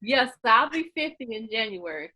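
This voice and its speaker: A woman's voice: fairly high pitch, big pitch swings, normal speed, low-quality recording. A woman in her late forties, talking earnestly and a bit preachily as an interview guest, repeating herself as she makes her points. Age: 40s. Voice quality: loud by nature. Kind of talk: casual interview talk.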